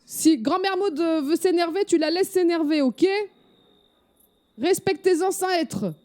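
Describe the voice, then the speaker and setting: A woman's voice: mid-range voice, lively intonation, slow, warm tone. A woman voicing a feisty, bossy old grandmother who scolds and demands respect, in an improvised game role-play. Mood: indignant.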